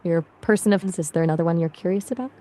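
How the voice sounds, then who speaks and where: Chatty upbeat AI woman, lowish voice. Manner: upbeat, chatty, quick and lively. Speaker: AI voice assistant. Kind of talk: casual conversational chat.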